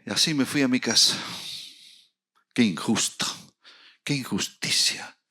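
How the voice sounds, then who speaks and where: A middle-aged man preaching a sermon, telling a personal story with acted dialogue and rising to loud, emphatic peaks. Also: medium pitch, measured pace. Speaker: pastor.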